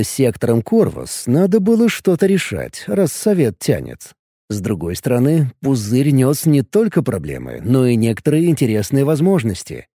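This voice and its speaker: A man narrating an audiobook with an even storytelling delivery. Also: mid-range voice, gravelly, husky, dry recording, clean studio sound. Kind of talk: scripted narration.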